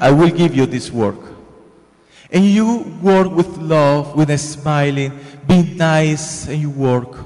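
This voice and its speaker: A young Colombian man with a Spanish accent and a slightly high, darkish voice delivers an earnest, repetitive homily through a handheld mic, gesturing as he preaches. He is a priest speaking in a large church sanctuary, and the recording carries a long church reverb.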